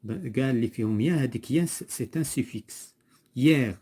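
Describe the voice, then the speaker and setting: A male schoolteacher with a Moroccan Arabic accent walks through a lesson patiently, repeating each term and leaving gaps for a pupil to fill in. His voice is mellow and dark, with a slightly husky edge, at a middling pitch. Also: a little fast. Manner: patient, repetitive, prompts a pupil to finish words. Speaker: primary school French teacher. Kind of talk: classroom lesson explanation.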